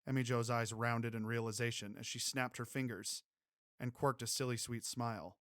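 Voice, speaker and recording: A man reading a romance audiobook aloud with steady, even pacing and a middle voice. The sound is close and dry, with no echo at all. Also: medium pitch, normal speed. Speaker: audiobook narrator. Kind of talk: scripted narration.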